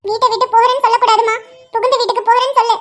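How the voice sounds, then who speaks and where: A woman voicing a kindly older female relative who gently corrects the family in a cartoon. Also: very high voice, steady tone, very fast. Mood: coaxing.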